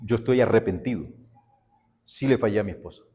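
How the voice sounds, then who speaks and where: A man plays a remorseful churchman confessing a failing. He speaks low and ashamed, asking for secrecy. A long hall reverb lingers behind him. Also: fairly quick, mellow, breathy edge. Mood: contrite. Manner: subdued, pleading, contrite.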